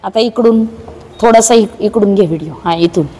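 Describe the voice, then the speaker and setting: A woman teaching young children a math game in a classroom, in a brisk way that coaxes them along. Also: medium pitch, warm tone, slightly rough. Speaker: primary school teacher. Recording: echoey classroom reverb.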